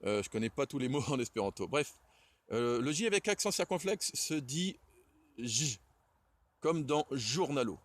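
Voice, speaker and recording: A man's voice: medium pitch, big pitch swings, moderate pace. Hesitant French-speaking man giving a lesson. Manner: hesitant, many fillers and self-corrections. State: shivering from the cold. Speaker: Esperanto enthusiast presenting the alphabet. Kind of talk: casual spoken lesson. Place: outdoors in the cold.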